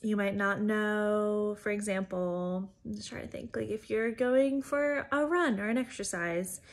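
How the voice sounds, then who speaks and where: A woman's voice: mid-range voice, unhurried. A woman who works as an educator, giving an informal church devotional in a chatty, conversational way with frequent fillers.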